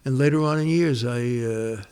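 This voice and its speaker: An older man from New York, United States, reminisces as the interviewee in a casual oral-history interview, rambling with many restarts and pauses. His voice is mid-range, a little mellow and clean in tone.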